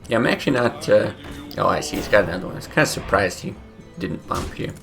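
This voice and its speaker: A man's voice: fairly low pitch, lively intonation, quick pace, creaky, over music. A sleepy man with his morning voice, casually thinking aloud while playing a card game, with many fillers. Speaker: game streamer. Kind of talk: casual gameplay commentary.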